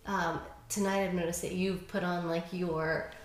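A woman's voice: fairly low pitch, flat delivery, normal speed. A woman guest chatting casually on a podcast in a bubbly, giggly way, with many fillers. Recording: roomy echoey room.

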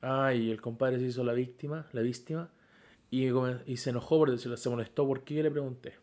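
A man's voice: mid-range voice, steady tone, fairly quick, darkish tone. A man, co-hosting a casual podcast chat, who hesitates and repeats words as he talks. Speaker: podcast co-host.

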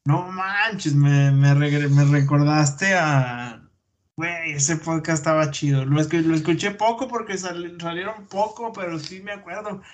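Man, Mexican accent, podcast guest, casual chat, easygoing, slangy, somewhat high voice. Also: measured pace, highs cut off. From Durango, Mexico. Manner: easygoing, agrees readily, uses slang.

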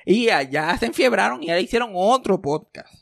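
High-voiced sarcastic man. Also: a little fast, gravelly, dry recording, clean studio sound. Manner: sarcastic, animated storytelling with English words mixed in. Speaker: podcast co-host. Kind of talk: casual chat.

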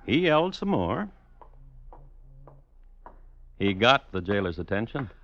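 Wry male narrator, low voice, lo-fi old radio recording. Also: sing-song, fairly quick, fairly bright tone, no echo. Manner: dry and wry. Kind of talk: scripted narration.

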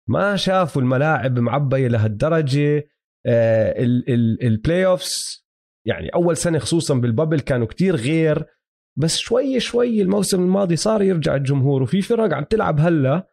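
Fairly high-pitched, creaky, and a little mellow, this man's voice carries a Palestinian-Jordanian Levantine Arabic accent. As a sports co-host in an easygoing analysis chat, he explains his points, confirms the listener is with him, and slips in English basketball terms.

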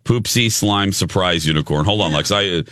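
A man's voice: low-pitched, moderate pace, a bit bright, no room sound, studio quality. A man hosting a talk show in casual, playful banter, rambling a little as he goes.

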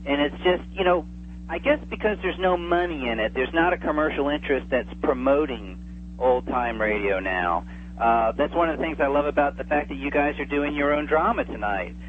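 An old-time radio enthusiast joins an interview by telephone, chatting casually, enthusiastically, and at length. His voice is on the high side at normal speed, and the tinny phone line carries a faint hum.

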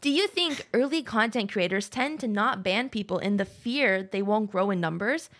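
A woman's voice: mid-range voice, lively intonation, moderate pace, a bit bright. A woman co-hosting a casual podcast chat about streaming, chatty and filling her talk with "like". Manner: chatty, heavy use of "like", laughs often. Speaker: streamer co-host.

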